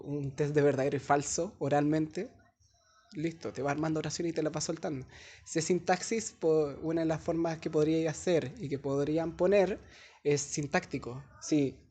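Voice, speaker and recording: A young man with a Chilean accent and a fairly high, warm voice works as a teaching assistant, explaining an assignment in a chatty, wandering classroom talk packed with casual slang. A student recorded it on a phone held in the classroom.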